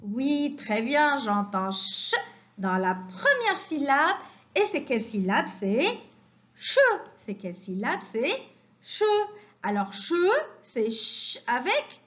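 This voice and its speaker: Woman teacher doing a kids reading lesson, super slow, sounds out every syllable, kinda dull lo-fi audio. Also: on the high side, sing-song, fairly bright tone. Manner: slow, sing-song, stresses each syllable. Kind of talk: phonics lesson for young children.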